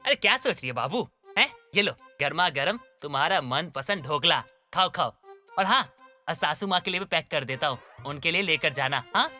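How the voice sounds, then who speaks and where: Someone voicing a goofy young dhokla guy in a cartoon, bright and jumpy, over the top. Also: mid-range voice, moderate pace, faint music behind. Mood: coaxing. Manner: over-the-top excited, chatty, comic. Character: goofy young male dhokla seller, excitable.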